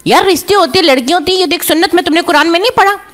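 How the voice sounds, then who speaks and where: A high-pitched woman from Pakistan in a heated live-stream argument. She needles her opponent, cuts in, and keeps pressing her questions. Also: rapid-fire, a bit bright. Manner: argumentative, needling, talks over the other.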